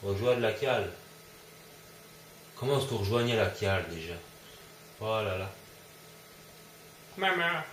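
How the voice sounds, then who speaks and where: Guy doing let's play commentary, jumpy and swearing a lot, echoey room, faint hum behind. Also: lowish voice. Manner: excitable, swears and yelps when startled. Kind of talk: live gameplay commentary.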